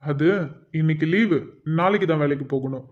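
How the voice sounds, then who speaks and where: A man's voice: on the high side, fairly quick, close to an everyday voice. A man voicing a teasing young husband and father in a cartoon, chatty and full of joking asides. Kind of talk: cartoon voice acting. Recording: dull lo-fi recording.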